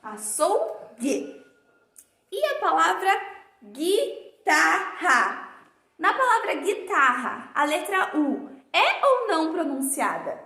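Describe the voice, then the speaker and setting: High lively teacher woman. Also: echoey room. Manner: slow, drawn-out sounding of words for children; affectionate, calls pupils dear. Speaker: primary school teacher. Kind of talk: remote class lesson.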